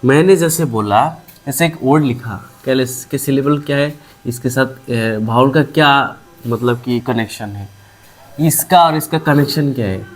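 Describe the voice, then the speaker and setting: A man teaching English grammar, repeating each point and asking and answering his own questions. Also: medium pitch. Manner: slow, repetitive, asks and answers own questions. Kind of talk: classroom grammar lesson.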